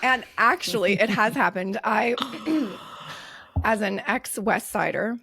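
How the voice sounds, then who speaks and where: Gravelly-voiced woman in her thirties. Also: medium pitch, takes it slowly, sharp tone. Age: 30s. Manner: chatty, lots of fillers and laughs. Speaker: podcast co-host. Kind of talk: casual chat.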